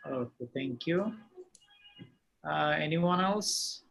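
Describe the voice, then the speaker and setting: A man hosting an online webinar, speaking haltingly with many filler pauses over a video call mic. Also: fairly high pitch, expressive, vocal fry, a bit bright. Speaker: webinar host.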